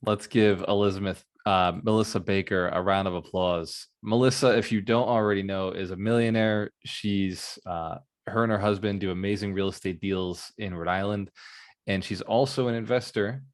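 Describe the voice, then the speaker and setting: A lowish male voice hosts a live video-call Q&A as a real estate mentor. He keeps things upbeat and loose, rambling a little and dropping casual fillers between his points. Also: fairly even intonation, normal speed. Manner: upbeat, rambling, with fillers like "man" and "you know".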